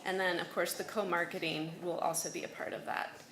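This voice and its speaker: A woman's voice: on the low side, little pitch movement, fairly quick. Woman hosting in an echoey room. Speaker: host introducing speakers. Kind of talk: public address at a community meeting. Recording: echoey room, faint noise.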